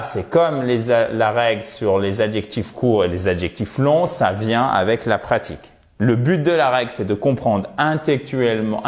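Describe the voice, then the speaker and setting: A man's voice: medium pitch, a little mellow. A man teaching English grammar in French, patiently repeating English words to show their stress and switching between English examples and French explanations. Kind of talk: bilingual grammar lesson.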